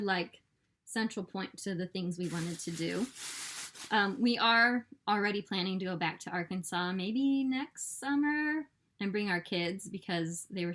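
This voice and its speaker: A woman hosting a casual cross-stitch vlog, chatty and animated, laughing often and filling with "like" and "um" as she shows her purchases. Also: medium pitch. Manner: fills with "like" and "um". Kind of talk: casual show-and-tell chat.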